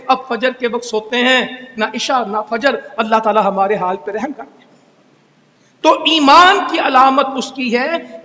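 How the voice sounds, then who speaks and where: A man's voice: very high-pitched, sharp tone. A man preaching a Friday sermon in a mosque, scolding and exhorting with rhetorical questions. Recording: echoey hall reverb.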